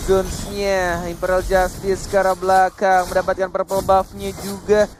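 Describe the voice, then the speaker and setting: A man with an Indonesian accent giving live esports play-by-play as a caster, excitable and dramatic, mixing in English catchphrases. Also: high-pitched, normal speed, a little hiss or hum.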